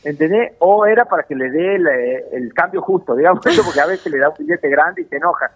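An Argentine comedian telling a story on a radio show, acting out the lines of the people in it. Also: male voice, a little high, fast talker, slightly rough. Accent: Argentine Spanish. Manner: animated storyteller acting out dialogue. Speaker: comedian guest. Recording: tinny phone line.

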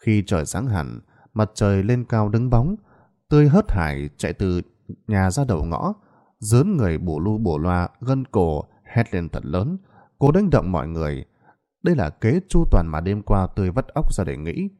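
A man narrating a ghost story in an expressive, dramatic reading. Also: fairly low pitch, moderate pace. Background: faint background music.

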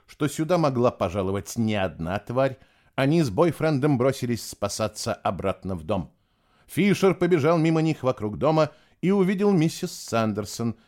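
A man narrates a children's book with lively, expressive delivery. His pitch moves widely as he reads. The voice sits in a middle register. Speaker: audiobook narrator. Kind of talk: scripted narration.

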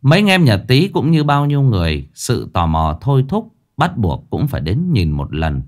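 A man narrating a ghost story in a lively, dramatic way. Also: mid-range voice, normal speed.

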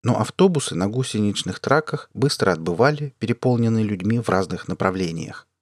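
A man reading a science fiction story aloud as an audiobook narrator, in an even, measured way. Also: fairly low pitch, no echo, clean studio sound. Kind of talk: scripted narration.

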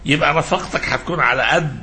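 Speaking at a fairly high pitch with a pushed, bright quality, the Egyptian-accented sheikh teaches an informal religious lesson over slight background noise. He proceeds haltingly and didactically, quizzing listeners and mixing classical and colloquial language.

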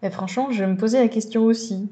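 A woman co-hosting a casual book podcast, making wry, easygoing remarks that trail off softly. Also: fairly high pitch, steady tone, quick pace. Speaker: podcast co-host.

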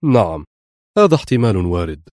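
A man voicing a middle-aged intelligence chief in an audiobook, speaking firmly and gravely. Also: lowish voice, sing-song, fairly quick, a little mellow, no echo, studio quality. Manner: firm, grave.

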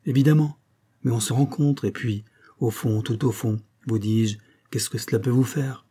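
A self-assured young woman teases in a warm, husky voice, as a male reader puts her on. She talks briskly and with light mockery. It is an audiobook reading. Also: medium pitch, fairly even intonation, lightly acted. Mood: teasing.

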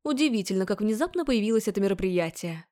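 A woman's voice: medium pitch, expressive, fast talker, dark tone, lightly acted. A woman doing a scolding, suspicious mother. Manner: scolding, sarcastic, raised voice. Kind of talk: audiobook character voice.

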